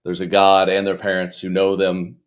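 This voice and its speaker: Speaking in a deep, monotone voice at a moderate pace, the young man, a comedian who also writes children's books, is a guest in an interview. His chat is casual and rambling, joking and stop-start.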